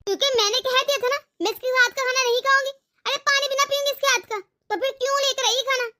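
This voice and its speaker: A woman's voice: extremely high pitch, steady tone, quick pace, sharp tone, slight background noise. A woman voicing a stubborn, domineering older mother-in-law in a cartoon, scolding and threatening. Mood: defiant. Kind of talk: cartoon voice acting.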